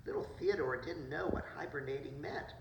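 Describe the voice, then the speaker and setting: A woman preschool teacher reads a picture book aloud to children, tossing in simple comments about the pictures. Her voice is low, brisk and creaky, caught by a distant mic in a roomy space with a noisy background.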